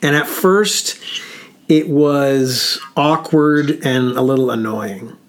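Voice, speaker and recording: Slow, halting man telling a story. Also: medium pitch. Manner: slow and halting, with frequent pauses and fillers. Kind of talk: reflective storytelling in casual chat.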